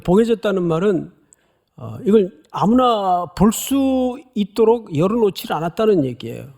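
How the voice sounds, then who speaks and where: A middle-aged man preaches to his congregation in a high, rough, gravelly voice. His pitch leaps and falls with dramatic emphasis, and he keeps asking his listeners questions. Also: big pitch swings, moderate pace. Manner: dramatic preaching, voices the angel's loud cry; addresses congregation directly with questions. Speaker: pastor. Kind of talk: expository sermon.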